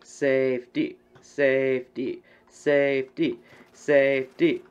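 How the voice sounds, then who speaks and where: A young adult game streamer offers joking, casual commentary while playing, often repeating the same phrases again and again. His mid-range voice is level, slow and clean in tone, but the webcam stream from his bedroom sounds dull and lo-fi.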